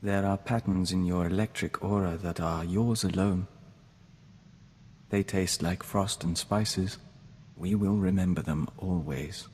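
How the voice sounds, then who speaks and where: Vector, a low, formal hive-minded diplomat. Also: male voice, steady tone, darkish tone. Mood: tender, earnest. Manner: formal, measured, speaks of himself as we. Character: gentle, devoted male diplomat joined to an insect hive mind. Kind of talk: scripted video game dialogue acting. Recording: long reverb, noisy game ambience.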